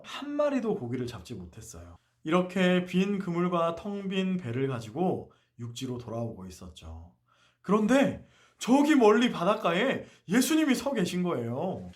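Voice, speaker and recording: A male preacher tells a Bible story in a storytelling sermon, his fairly high voice rising and falling with lively movement. He turns to the listeners often and asks them questions. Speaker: preacher for a church ministry.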